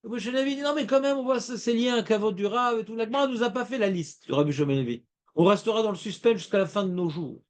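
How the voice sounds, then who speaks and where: A man with a high-pitched voice leads a Talmud class. He explains in a lively, playful way and keeps checking whether his students follow. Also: fast talker. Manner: lively, asks students questions, playful rhymes. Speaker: Talmud teacher.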